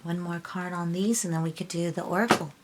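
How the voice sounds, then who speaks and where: A woman's voice: on the low side, fairly even intonation, brisk, heavy background noise. A woman giving a casual tarot reading on her channel, earnest and preachy, often restarting her sentences and getting emotional. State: emotional, near tears. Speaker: tarot reader.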